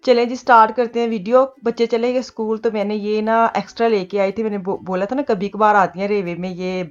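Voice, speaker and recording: Middle-aged Punjabi-accented woman, casual home vlogger, mid-pitched, chatty and rambling, slightly muffled audio. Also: fairly even intonation, fairly quick, faint music behind. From Pakistan. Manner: chatty, laughs often, mixes Punjabi words into her talk. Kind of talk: casual chat. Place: home kitchen.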